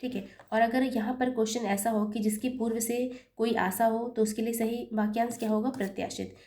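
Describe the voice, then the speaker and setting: A woman's voice: fairly high pitch, fairly even intonation, fairly quick, dark tone. A woman teaching an exam-prep lesson, patiently spelling out corrections step by step and correcting her own slips as she goes. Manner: self-correcting, apologizes for slips. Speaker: Hindi teacher.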